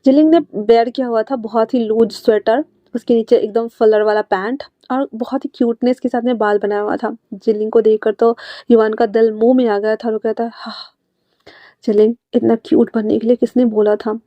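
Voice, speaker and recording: A woman storyteller reading fan fiction aloud in a brisk, conversational way, in a dry, slightly muffled recording. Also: a little high, fairly even intonation, no room sound.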